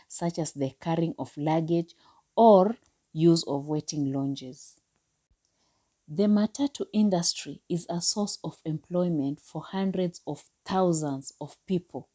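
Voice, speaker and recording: Woman, deep-pitched, soft dark tone, formal scripted read, measured delivery. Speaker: narrator. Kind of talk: scripted narration, read aloud.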